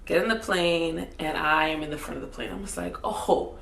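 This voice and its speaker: A woman's voice: low voice, brisk, vocal fry, a bit bright, a little hiss or hum. A woman in her thirties casually and animatedly telling a personal story to camera, joking and swearing as she goes. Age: 30s. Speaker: vlogger.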